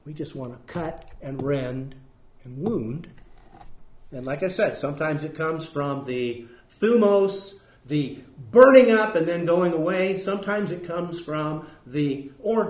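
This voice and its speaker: A man's voice: on the high side, a little mellow. A man preaching a sermon as pastor, emphatic and putting rhetorical questions to his congregation. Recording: echoey room.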